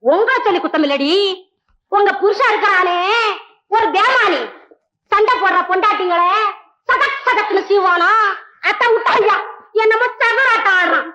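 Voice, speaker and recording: An actress playing a loud, quarrelsome married woman, shouting insults in a 1970s film comedy. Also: extremely high pitch, animated, moderate pace, pauses often, exaggerated voice, rough recording. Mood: bragging.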